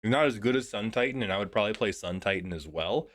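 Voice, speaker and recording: A man giving a casual, joking review of a card deck, a bit sick and clearing his throat, swearing as he thinks aloud. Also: fairly low pitch, expressive, quick pace, a bit bright. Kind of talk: casual commentary.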